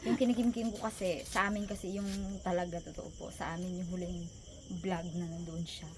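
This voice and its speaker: A woman telling a personal story in a soft, halting voice, close to tears. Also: on the low side, flat delivery, background noise. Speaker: vlogger and co-host.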